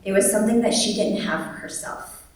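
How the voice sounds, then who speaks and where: A woman's voice: mid-range voice, fairly quick. Wry woman telling a story in an echoey hall. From born in Vietnam, raised in the United States. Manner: wry and humorous, animated, lively quoted voices. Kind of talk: live personal storytelling on stage. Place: large echoey venue at a live event. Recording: echoey hall, distant mic.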